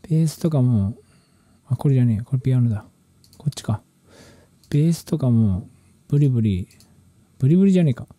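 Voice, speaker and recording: With a mid-range voice recorded at studio quality and no echo, a channel-hosting musician talks loosely about producing his own music. He rambles casually, leans on slang, and keeps restarting his sentences.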